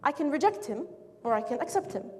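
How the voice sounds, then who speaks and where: A young woman gives a motivational talk in a casual, joking way, full of quick asides. Her voice sits high. The hall lends a long echo, with faint background noise. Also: lively intonation, a little mellow. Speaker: speaker.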